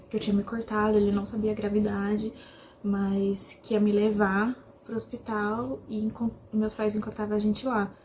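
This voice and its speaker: A young Brazilian woman telling her own story in a vlog, speaking in an emotional, halting way and often repeating herself. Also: mid-range voice, dark tone, slight background noise. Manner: emotional, halting retelling with many repetitions. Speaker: vlogger.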